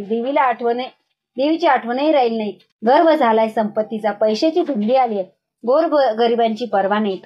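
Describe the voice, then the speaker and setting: A woman voicing a frail, angry old beggar woman who talks slowly and low, coughing now and then. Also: lo-fi sound, lightly acted. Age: over 60. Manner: slow, coughing, low-voiced scolding.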